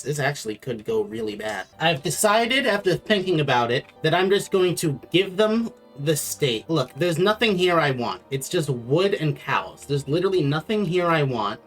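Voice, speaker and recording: Excitable strategy-game commentator, swearing. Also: mid-range voice. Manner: excitable, quick swings from glee to frustration, swears often; laughs through the commentary. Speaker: gaming video creator. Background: faint background music.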